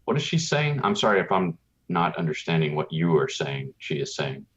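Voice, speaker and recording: Deep-voiced man on dull audio, playing a tabletop game. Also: very animated, normal speed. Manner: questioning, slightly confused. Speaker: player. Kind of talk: casual tabletop play. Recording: dull lo-fi sound.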